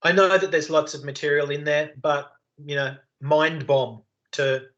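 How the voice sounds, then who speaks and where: A man's voice: fairly high pitch, steady tone, a little slow, a bit bright, muffled recording. An Australian man teaching an online class over a video call, talking in rambling runs full of fillers, restarts and long chains of adjectives. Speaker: lecturer.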